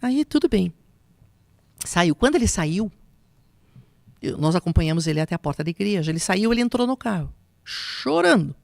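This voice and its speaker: A woman telling an emotional personal testimony, slipping into soft whispers and a preaching tone. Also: on the low side, very animated, moderate pace, creaky, long pauses, no room sound, studio quality. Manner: emotional, drops to soft whispers when recounting quotes; preaching tone on spiritual points. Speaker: guest giving testimony.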